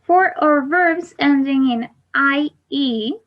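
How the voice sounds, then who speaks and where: A high-pitched woman drawing out her words leads an online English grammar class, covering every rule in English before restating it in Spanish. The audio, from a class computer mic, is dull and lo-fi.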